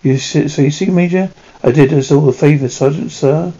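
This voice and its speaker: A man playing a surly, self-serving German lieutenant held as a prisoner of war, defensive and halting. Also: a little high, dark tone, husky, lo-fi sound. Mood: cold, defensive.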